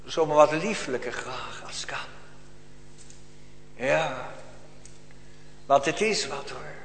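A man's voice: medium pitch, slow, a little hiss or hum. Solemn preacher man in echoing church. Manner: solemn, urgent preaching with rhetorical questions. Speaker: pastor. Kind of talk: sermon. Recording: long reverb of a church hall.

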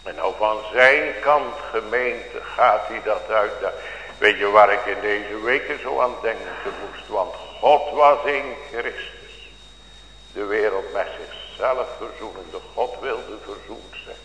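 A man's voice: fairly low pitch, slow, pushed and bright. A male pastor preaching a sermon to his congregation with fervent, old-fashioned biblical phrasing. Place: church. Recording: echoey church hall with faint hum.

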